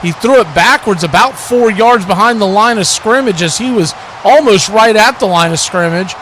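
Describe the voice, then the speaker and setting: Calling an American football game live for a watch party, this high-voiced man speaks at a normal pace in clipped commentary that rises with each play. His tone is a bit bright, with faint hiss or hum in the background.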